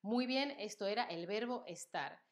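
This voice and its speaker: A woman's voice: mid-range voice, moderate pace. A woman from Spain with a Spanish accent, teaching a live-streamed language class with acted examples and frequent check-ins.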